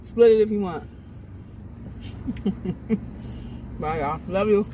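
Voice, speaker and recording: A man's voice: high-pitched, very slow, dark tone. A man chatting casually in a food review vlog, talking with his mouth full of ice cream, in a playful, slang-heavy way. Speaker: food vlogger. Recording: noisy, mic held at a distance.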